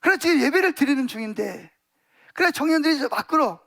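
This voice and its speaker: A male pastor preaches in a church. His voice sits very high for a man. He tells stories vividly and packs his sentences with emphatic fillers. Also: animated, fast talker, gravelly, bright, forceful tone. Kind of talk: sermon.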